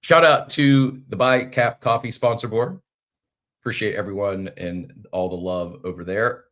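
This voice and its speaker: A man's voice: on the low side, steady tone, measured pace, a bit bright. A man in his forties, congested with a head cold and sounding nasal, hosting a podcast in a rambling, friendly chat with many fillers. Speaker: podcast host. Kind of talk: casual live audio show chat.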